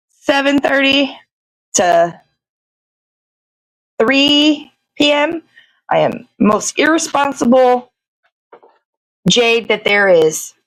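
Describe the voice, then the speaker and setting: A woman with a mid-range voice hosts a casual livestream, wandering through her chat while fishing for words and dropping casual swears. The recording is rough, with no room sound.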